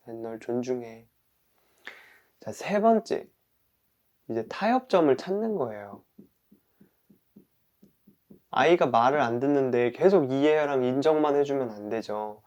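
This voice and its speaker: A man teaching about caring for one's own mind, calmly explaining with everyday examples and sometimes dropping into a soft murmur for gentle self-talk. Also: medium pitch, unhurried, pauses often, muffled recording. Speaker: mind-body wellness instructor.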